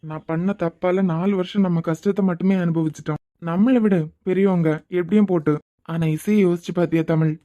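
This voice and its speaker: A man's voice: high-pitched, warm tone, muffled recording, close to an everyday voice. A voice actor playing a remorseful husband in a cartoon serial, apologizing and pleading firmly with his wife. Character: remorseful husband, school correspondent.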